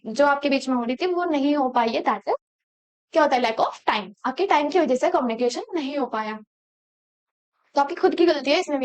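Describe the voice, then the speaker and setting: A young woman teaching a lecture, mixing in English terms and asking the class rhetorical questions. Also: high-pitched. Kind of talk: exam-prep lecture.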